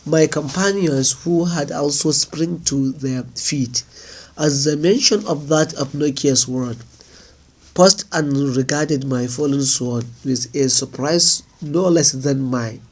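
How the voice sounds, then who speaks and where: A man reading a folk tale aloud in a measured, unhurried storytelling manner. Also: fairly high pitch. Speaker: narrator.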